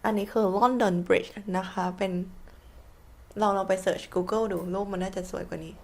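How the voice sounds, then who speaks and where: Woman, English teacher, Thai accent, spells words out letter by letter, very slow, patient classroom delivery. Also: mid-range voice, fairly even intonation, creaky. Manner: spells words letter by letter and repeats them slowly.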